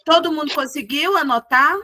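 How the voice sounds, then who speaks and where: Music teacher lady on a video call, kinda high voice, cheering the kids on, chants words slow in rhythm, dry close sound. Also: pushed and bright, dry recording. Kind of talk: teaching a group music lesson.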